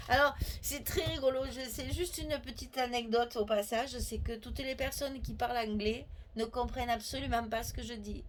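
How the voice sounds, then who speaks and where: A woman's voice: a little high, a little hiss or hum, low-quality recording. A woman with a Provençal French accent hosting a chatty, step-by-step scrapbooking tutorial, thinking aloud and correcting herself as she goes.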